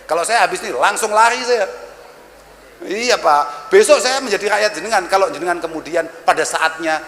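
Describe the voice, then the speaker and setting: A man's voice: sits high, a little fast, a bit bright, slight background noise. A man giving a religious sermon at a boarding school, joking and teasing, dropping in Arabic quotes and asides. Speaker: preacher. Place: large echoey hall at a boarding school. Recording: echoey hall recording.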